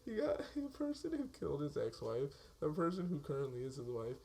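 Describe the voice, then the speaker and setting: A man giving a casual, excitable spoken movie review, swearing freely and laughing often as he talks. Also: a little high, a little fast, vocal fry, a little hiss or hum. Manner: excitable, profane, laughs often mid-sentence.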